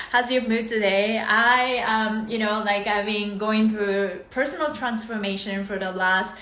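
A native Japanese speaker from Japan, a woman in her thirties, coaches a live-streamed movement class from her living room, greeting viewers in a bubbly, sing-song way and laughing often. Her mid-range voice is unhurried and a bit bright, with fairly even intonation. A phone camera films her close up and then from across the room, in an echoey space with faint noise.

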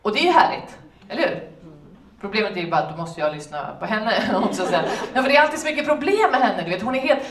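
Svensk kvinna, ståuppkomiker i ekande klubb. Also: female voice, fairly high pitch, very animated. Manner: conversational, wry. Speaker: stand-up comedian. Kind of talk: stand-up routine. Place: comedy club stage. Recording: echoey room from far off with crowd. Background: audience laughter and noise.

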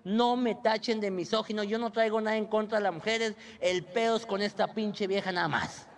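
A young adult man with a Mexican accent telling a crude, animated stand-up story. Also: high-pitched, moderate pace. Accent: Mexican Spanish. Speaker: stand-up comedian. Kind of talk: stand-up comedy monologue.

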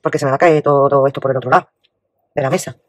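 A woman with a Spain Spanish accent chatting casually as she unboxes a craft parcel, exclaiming and often dropping to a hushed murmur. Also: a bass voice, steady tone, rapid-fire, no echo. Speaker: craft vlogger.

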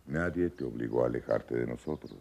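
A man's voice: extremely low pitch, a little fast, gravelly, warm tone, heavily acted. An actor playing a stern, bitter older father who swears revenge. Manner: stern, brooding.

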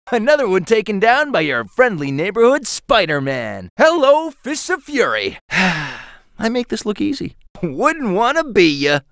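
A man voicing a cocky, upbeat young superhero in a video game, with an American accent and a quippy, animated way of talking. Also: sits high, a little slow, no echo, studio quality, exaggerated voice. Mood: cocky, playful. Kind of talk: video game voice acting, quips and hints.

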